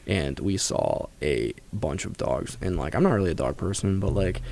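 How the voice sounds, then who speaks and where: Young man rambling with a gravelly edge. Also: low-pitched, lively intonation, normal speed, a little mellow. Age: young adult. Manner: rambling and giggly, loose storytelling. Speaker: radio show co-host. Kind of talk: casual chat. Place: college radio studio. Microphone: studio mic with a hard limiter.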